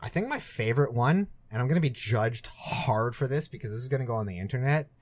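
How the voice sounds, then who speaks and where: A man's voice: mid-range voice, lively intonation, quick pace, no room sound. A young man co-hosting a podcast in casual chat, joking around with frequent restarts. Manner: jokey, hesitant restarts. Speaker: podcast co-host.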